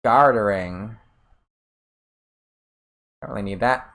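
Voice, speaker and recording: This American game streamer talks slowly in a medium-pitched, slightly bright voice. Playing casually, they stop to answer chat messages between gameplay, often trailing off mid-sentence and restarting.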